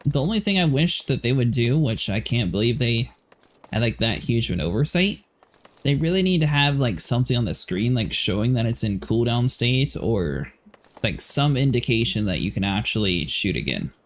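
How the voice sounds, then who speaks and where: A man's voice: mid-range voice, big pitch swings, normal speed, slight background noise. Chatty man hosting a gaming stream. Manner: chatty, laughs often, many "like" fillers. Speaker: livestream host. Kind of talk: casual gaming chat.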